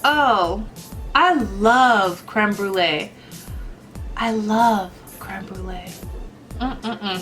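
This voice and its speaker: A woman vlogger doing a casual unboxing, gushing and excitable about everything she opens. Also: on the high side. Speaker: vlogger reviewing products.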